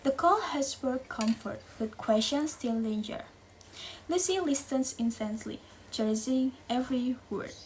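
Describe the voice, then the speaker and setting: A woman student reading a romantic short story aloud in a slow, gentle way. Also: high voice, expressive, slight background noise, poor audio. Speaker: student reader. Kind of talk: story narration.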